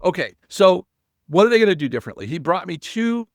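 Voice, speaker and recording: A man hosting a real estate podcast, talking emphatically, with big swings in pitch and loudness. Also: very animated, brisk, dry recording, studio quality. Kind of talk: casual podcast chat.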